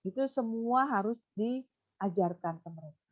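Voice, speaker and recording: Woman education consultant, animated teacher's delivery, slightly high voice, muffled webinar sound. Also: measured pace. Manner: animated, acts out coaxing a child in a high sing-song voice. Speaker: child education consultant and behaviour therapist. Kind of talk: webinar talk. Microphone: webinar computer mic. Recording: muffled online webinar audio.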